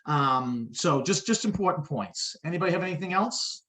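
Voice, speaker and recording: A man hosting a real estate training call, talking in a casual, energetic way. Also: a little high. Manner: fast, energetic, conversational. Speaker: training session host.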